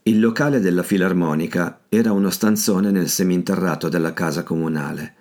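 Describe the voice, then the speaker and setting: A man narrates an audiobook in a steady, measured manner. His voice sits very low. The reading is carefully scripted. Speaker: audiobook reader.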